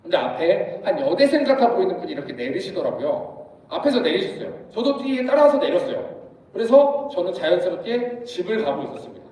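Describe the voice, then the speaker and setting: A man's voice: high voice, sing-song, fairly quick, a little mellow. A young man preaching at a youth retreat, telling stories and acting out the voices of the people in them. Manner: storytelling, acts out voices of people in his anecdotes. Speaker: youth pastor. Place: large church hall. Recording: echoey hall, voice from far off.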